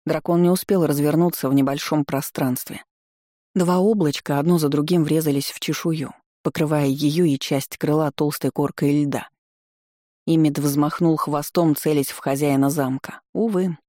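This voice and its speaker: A narrator giving a steady, expressive audiobook reading of fantasy fiction. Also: mid-range voice, normal speed, dry recording, clean studio sound.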